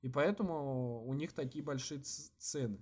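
A man co-hosting a podcast in casual, slangy chat with swearing, halting with many false starts and repeats. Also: medium pitch, darkish tone, slightly rough. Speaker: podcast co-host.

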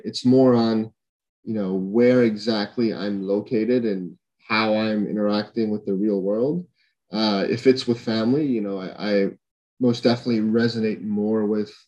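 Young man from Honduras, podcast guest, low-pitched, reflective, hesitant with fillers. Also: darkish tone, low-quality recording. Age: young adult. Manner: thoughtful, lots of fillers and restarts. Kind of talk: casual conversation.

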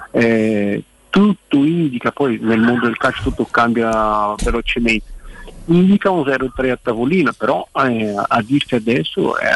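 A man's voice: mid-range voice, gravelly, dry recording, low-quality recording. A man working as a football pundit guest on a radio show, explaining his view emphatically and often repeating words as he goes. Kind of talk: radio phone-in commentary.

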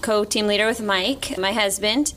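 A woman's voice: mid-range voice, moderate pace, fairly bright tone, slight background noise. A woman answering questions casually as a podcast guest, recorded in a conference room. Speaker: podcast guest, real estate executive.

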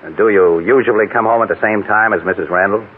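An actor playing a cocky, sharp-eyed newspaper photographer, casual and blunt, in an old-time radio crime drama. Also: male voice, fairly low pitch, fast talker, slightly rough. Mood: nonchalant. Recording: muffled, narrow-band old radio recording.

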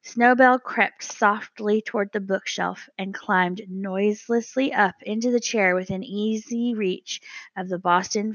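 A woman reading a children's storybook aloud as narrator, measured and gentle. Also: mid-range voice, no room sound, dull audio. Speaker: audiobook narrator.

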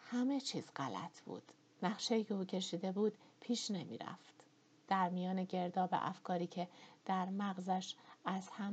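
A woman narrating a novel as an audiobook, in a dramatic, measured reading. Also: medium pitch, darkish tone, husky, muffled recording. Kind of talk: scripted narration.

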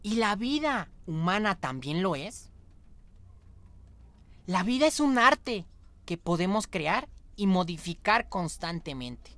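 A man's voice: high-pitched, a bit bright, no room sound. A young adult man speaks straight to his listeners in a motivational podcast monologue. He is earnest and exhorting, circling back on his phrases to drive each point home. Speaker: podcast host.

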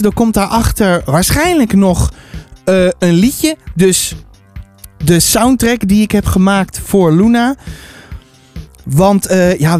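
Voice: mid-range voice, darkish tone. A podcast host reading a children's story aloud and then chatting in a rambling, filler-heavy way.

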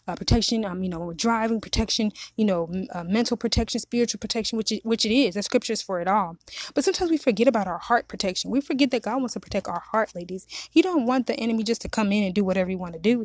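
A woman talks in an earnest, encouraging way, giving faith-based advice straight to her listeners. Her pitch sits in a middle range for a woman. She often repeats herself and stops to correct a word. The sound is dry and close, with no room echo. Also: a little mellow. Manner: repeats phrases, frequent fillers and self-corrections.

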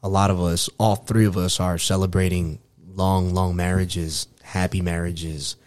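A middle-aged man from New York hosting a podcast, talking casually and earnestly, often halting and repeating his phrases. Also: sits low, level tone, a little mellow, no echo. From New York, United States. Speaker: podcast host.

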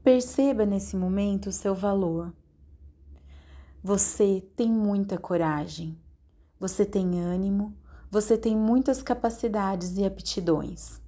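Woman hypnosis guide, calm and directive, soft mellow voice. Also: mid-range voice. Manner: slow, soothing, calmly directive. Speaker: meditation guide.

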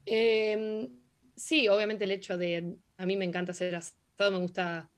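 A young woman with an Argentine Spanish accent answers interview questions as a hockey player, speaking casually with lots of fillers and restarts. Her mid-range voice is flat in delivery and moves at a moderate pace.

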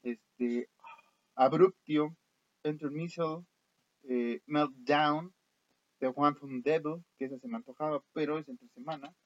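A man's voice: a little high, steady tone, takes it slowly, no room sound. A man with a Mexican accent co-hosting a casual horror film podcast, listing titles with fillers and frequent laughs. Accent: Mexican Spanish. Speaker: podcast co-host. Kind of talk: casual chat about horror films. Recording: dull dry lo-fi audio.

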